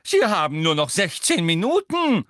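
A man voicing a fussy, indignant old male examiner who protests in a drawn-out, fussy way in an audiobook reading. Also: high voice, sing-song, a bit bright, no room sound, clean studio sound, voice pushed up.

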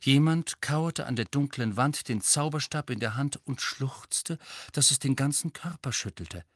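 A man's voice: medium pitch, expressive, dry recording. Man narrating an audiobook, dry studio. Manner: measured, dramatic storytelling.

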